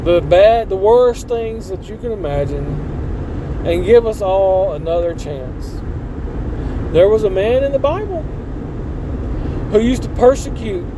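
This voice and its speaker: A man's voice: high voice, animated, unhurried, pauses often. A man giving a casual, earnest, preachy vlog monologue in a folksy, colloquial way. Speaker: channel host. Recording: clear vehicle and outdoor noise.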